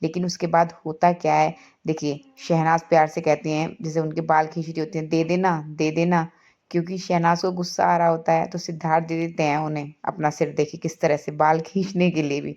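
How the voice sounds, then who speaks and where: A woman's voice: low-pitched, a little mellow, muffled recording. A woman hosting a celebrity gossip video, chatting eagerly and speaking straight to her viewers as "guys". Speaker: entertainment news video host.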